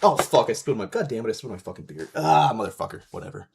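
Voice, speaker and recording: A man hosting a casual gaming livestream in hyped gamer-bro talk full of swearing and slang, with a slightly husky voice. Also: fairly low pitch, sing-song, racing, very noisy. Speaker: live streamer hosting a game stream.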